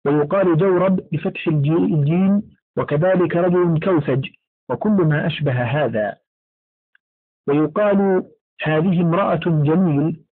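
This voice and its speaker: A man reading a classical text aloud in a formal, measured way, with careful enunciation and recited verse lines. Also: on the high side. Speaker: audiobook reader. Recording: narrow phone-like lo-fi sound.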